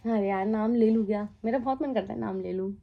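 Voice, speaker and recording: A woman's voice: a little high, moderate pace, vocal fry, muffled recording. A young Indian woman in her twenties, a flight attendant telling a storytime vlog in casual Hindi mixed with English. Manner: chatty, mixes English into Hindi, asides and laughs.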